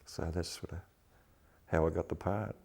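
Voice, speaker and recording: A man's voice: low voice, level tone, moderate pace, creaky, dark tone. An older man with a broad Australian accent, reminiscing casually and bluntly in an interview, with salty colloquial turns of phrase. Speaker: actor interviewee.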